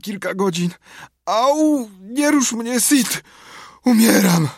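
A dramatic, whimpering young boy who plays up being sick, his voice raised well above a grown man's and a little husky. A man puts him on while reading the story aloud. The sound is close and dry. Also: high-pitched, animated, slow pace, dry recording, voice pushed up, full character voice. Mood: whiny.

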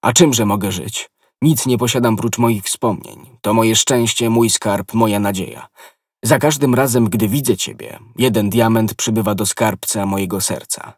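An ardent nobleman pours out his devotion in a low, breathy voice, as a male narrator plays him. The delivery is impassioned and heartfelt. The sound is close and dry. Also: normal speed, no echo, recorded from a distance. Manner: passionate, impassioned declarations. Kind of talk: audiobook character reading.

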